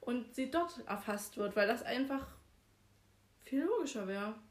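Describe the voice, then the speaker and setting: A woman's voice: a little high, expressive, measured pace. A young woman in casual chat, throwing in dry, joking asides. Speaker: podcast co-host. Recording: echoey room.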